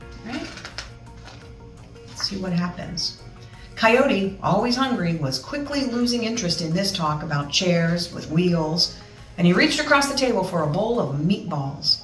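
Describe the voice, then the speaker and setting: A woman reads a children's story aloud with expression and chatty asides. Her pitch is average. The recording is quite roomy and a bit distant, with music behind her. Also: lively intonation, a little slow. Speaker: storybook reader.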